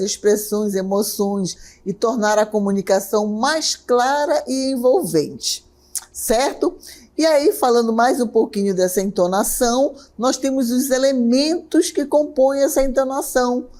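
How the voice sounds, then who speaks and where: Brazilian woman, middle-aged, brisk TV classroom teacher, slightly high voice, keeps asking "right?". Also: a little mellow. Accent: Brazilian Portuguese. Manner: talks fast, checks in often with "certo?" and "né?"; slows right down to guide a breathing exercise. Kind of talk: televised classroom lesson.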